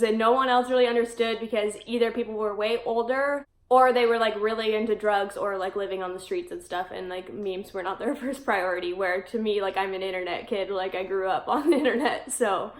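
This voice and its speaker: A woman in her twenties chatting casually to camera in a vlog, filling her talk with "like" and quick laughs. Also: medium pitch, echoey room. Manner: chatty, peppered with "like", frequent laughs. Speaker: vlogger. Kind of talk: casual talking-head vlog.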